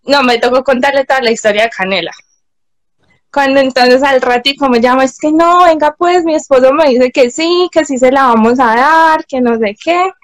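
A young woman talks from home over a video call, her fairly high voice close and dry. She tells a personal story casually and animatedly, putting on voices for the people in it. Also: moderate pace, dry recording. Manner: animated, acts out voices of others in anecdotes. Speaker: guest.

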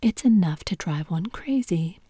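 A woman's voice: lowish voice, lively intonation, measured pace, dark tone, slightly rough, no room sound, clean studio sound. A woman whispering the lines of a polite, curious young girl in a storybook. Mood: earnest. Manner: polite and earnest.

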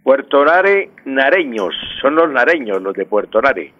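A man, a language expert on a radio show, patiently explaining words and repeating them slowly. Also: mid-range voice, big pitch swings. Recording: dull lo-fi radio line.

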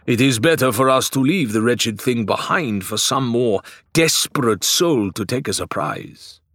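A man's voice: medium pitch, expressive, measured pace, fairly bright tone, dry recording, pitched above the performer's own voice. A man voicing a formal, courteous male pirate who speaks with grave precision. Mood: solemn.

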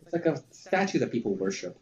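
A young man speaks in quick, blunt bursts, swearing as he trades jabs on a casual podcast. The audio is dull and lo-fi, and he talks at a rapid clip. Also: mid-range voice, sing-song, darkish tone, echoey room. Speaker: podcast guest.

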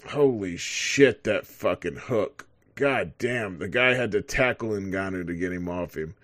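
A man's voice: low voice, measured pace, fairly bright tone, no echo. A man co-hosting a casual chat while watching a fight stream, rambling and swearing with lots of fillers. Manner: profane, rambling, frequent fillers. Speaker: co-host.

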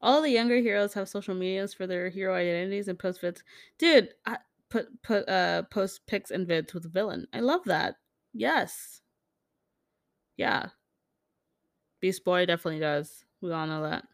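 A woman's voice: fairly low pitch, moderate pace, no echo, studio quality. A woman hosting a podcast, reading fan comments in a loose, casual chat, swearing freely and laughing often. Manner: acts out quoted characters in jumped-up voices. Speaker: podcast host.

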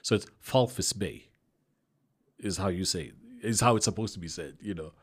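A man's voice: sits low, moderate pace, slightly rough. A man from Zambia, a voice-over artist, telling stories casually in an interview and laughing often. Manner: relaxed storytelling, laughs often, many restarts.

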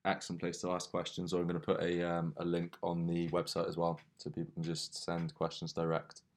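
Male podcast co-host, very low voice, quick and easygoing. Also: completely flat delivery. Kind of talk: casual podcast chat.

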